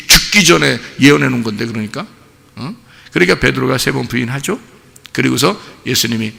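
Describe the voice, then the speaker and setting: A man's voice: medium pitch, vocal fry, bright, forceful tone. A male pastor giving a chatty, storytelling sermon, often throwing rhetorical questions to the congregation. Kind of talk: conversational sermon. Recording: long hall reverb.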